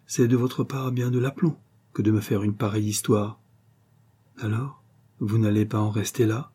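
A man's voice: fairly low pitch, steady tone, normal speed, mellow, breathy edge. A man reading aloud and voicing an arrogant male film star who speaks coolly and curtly. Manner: cool, disdainful, curt.

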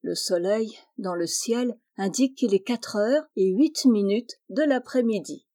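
A woman reading a children's story aloud, gentle and lilting, lifting her voice for the animal characters. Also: medium pitch, a little slow. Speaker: audiobook reader.

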